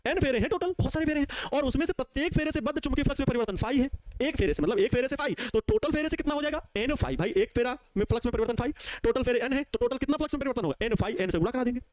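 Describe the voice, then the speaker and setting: A man's voice: extremely high pitch, lively intonation, very fast, no room sound, studio quality. A male physics teacher with a Bihari Hindi accent giving a live online lecture, answering questions he voices for the students and coaxing them to repeat after him.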